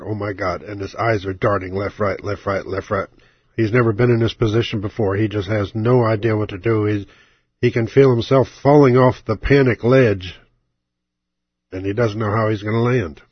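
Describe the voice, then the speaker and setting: A man's voice: on the low side, steady tone, moderate pace, breathy edge, no echo. A man hosting a talk show, giving dramatic storytelling commentary with emphatic, repetitive build-up. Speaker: talk host. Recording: dry, slightly dull close recording.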